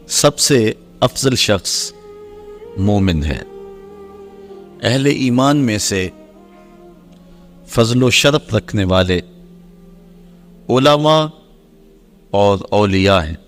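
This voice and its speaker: Male preacher, lowish voice, measured phrase-by-phrase sermon delivery, faint music underneath. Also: animated. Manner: slow, deliberate, pausing between phrases.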